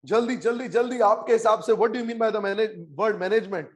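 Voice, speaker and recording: A man's voice: high voice, unhurried. A man with an Indian English accent teaching a live online class, mixing Hindi and English and urging students to reply in the chat. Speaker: online exam coaching teacher.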